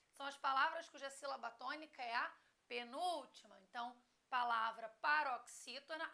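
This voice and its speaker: A woman's voice: high voice, creaky, pushed and bright. A woman teacher giving a recorded grammar lesson, spelling out word endings letter by letter and checking in often with short questions.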